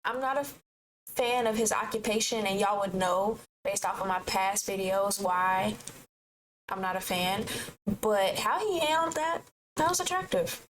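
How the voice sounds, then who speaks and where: An opinionated woman reacts to a clip in loose, casual chat. Her voice sits at an ordinary middle pitch. A faint noise runs underneath the recording. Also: unhurried, rough recording. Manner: chatty, opinionated, talks back at the screen. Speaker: reaction video host.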